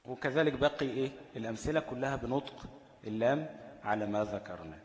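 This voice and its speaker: A man's voice: medium pitch, quick pace, big-room sound. A man with an Egyptian Arabic accent teaching recitation rules, posing questions and answering them himself while checking that listeners follow. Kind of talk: explanatory lesson.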